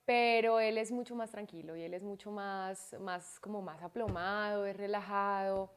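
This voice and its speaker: A woman, chatting as a guest in an interview, expressive and quick to laugh. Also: mid-range voice, clear, resonant tone. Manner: expressive, laughs often, acts out quoted voices. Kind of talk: casual interview chat.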